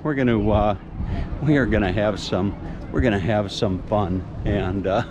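A man's voice: lowish voice, moderate pace, highs cut off. A middle-aged man chatting casually in a rambling way, full of fillers and restarts, for his vlog outdoors on a beach jetty. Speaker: vlogger. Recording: outdoor recording with noise.

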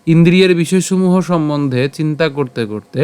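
A man teaching Sanskrit pronunciation, patiently repeating each word slowly. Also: a little high, a little mellow, smooth. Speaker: Gita recitation teacher.

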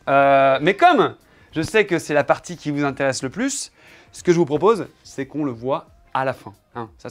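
A man in his home office chatting casually to camera, showing off his setup and teasing his cameraman in a playful, joking way. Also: fairly high pitch.

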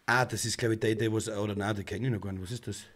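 A young man with an Austrian accent commenting on a driving game from his home setup, who often shouts and swears at other drivers. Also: lowish voice, fairly even intonation, fast. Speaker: gaming streamer. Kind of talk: let's play commentary. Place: home gaming room. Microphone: desk mic with headset.

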